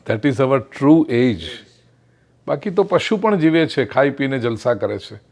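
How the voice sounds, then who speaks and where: A middle-aged man giving a spiritual discourse, telling a parable with acted quotes and slowing down for emphatic English phrases. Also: medium pitch, lively intonation, darkish tone. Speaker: spiritual speaker. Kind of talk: Gujarati spiritual discourse with storytelling.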